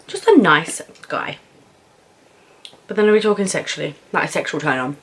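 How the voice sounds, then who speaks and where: A young woman with a British accent and a slightly low voice. She talks casually and frankly, as in a vlog answering questions over food, pausing to think aloud as she goes. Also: lively intonation, a bit bright, husky. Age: young adult. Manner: informal, frank, thinking aloud with pauses and swearing. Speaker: vlogger answering viewer questions. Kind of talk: casual chatty Q&A while eating.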